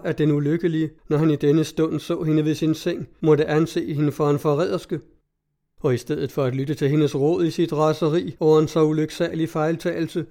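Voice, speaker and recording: A man narrating a classic novella in a measured, even audiobook reading. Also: fairly high pitch.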